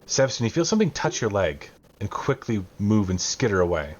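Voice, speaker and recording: A man running a tabletop game as game master, narrating in a calm, descriptive way. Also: fairly low pitch, a little fast, muffled recording, slight background noise.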